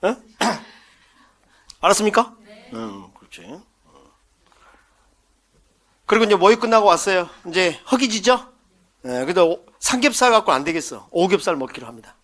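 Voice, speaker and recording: A male lecturer with a rather high voice runs an exam-prep class. He turns the material into jokey acted-out scenes for memorizing. He keeps throwing quick check questions at his students. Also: sing-song, fairly bright tone. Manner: playful, jokes and mimics scenes for mnemonics; quizzes listeners with quick questions.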